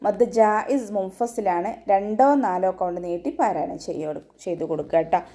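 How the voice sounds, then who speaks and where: Woman, recitation teacher for an online tajweed class, warm, mid-pitched, methodical. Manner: steady step-by-step instruction, often ending with a gentle check-in; breaks into slow, high, sustained chanting for verse examples.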